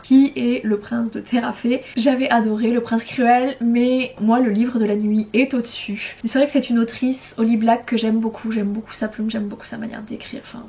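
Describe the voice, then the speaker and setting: A woman's voice: fairly high pitch, a little mellow. A chatty young woman vlogger talking casually and enthusiastically about books, frank in her opinions. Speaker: book vlogger. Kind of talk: casual book chat to camera.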